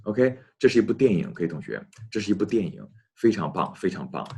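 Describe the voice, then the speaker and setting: Husky low-voiced male English teacher. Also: sing-song, a little mellow. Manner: repeats phrases slowly, addresses students often. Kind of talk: online English lesson.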